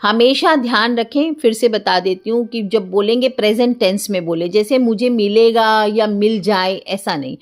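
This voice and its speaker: A woman calmly teaching a devotional ritual, repeating affirmations slowly and softly. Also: medium pitch. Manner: calm and instructive, softly repeats affirmations, drops to a whisper in demonstrations. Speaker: spiritual remedy teacher. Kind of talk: instructional talk.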